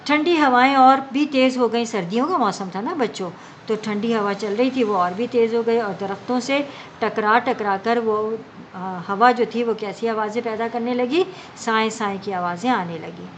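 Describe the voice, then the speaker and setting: A woman teacher reads a story to young pupils, explaining each line in simple words. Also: on the high side. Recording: dull lo-fi recording with faint background hum.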